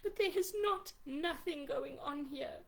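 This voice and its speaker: A woman's voice: high-pitched, measured pace, gravelly. A woman making an impassioned, accusatory appeal as a mother, firing off pleading questions. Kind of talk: impassioned direct-to-camera appeal.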